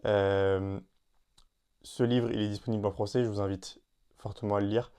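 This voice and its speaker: Male podcast host, hesitant and informal, warm low-key timbre. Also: little pitch movement, moderate pace, clean tone. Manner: hesitant, many fillers and restarts; addresses listener informally. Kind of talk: solo podcast talk.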